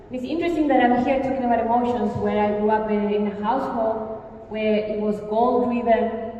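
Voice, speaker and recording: A woman's voice: a little high, slight background noise. Argentine woman speaking in an echoey hall. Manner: lively, engaging, asks the audience questions. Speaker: workshop speaker. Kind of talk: live stage talk. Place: large hall with a live audience. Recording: echoey hall, mic from a distance, dull sound, faint ambience.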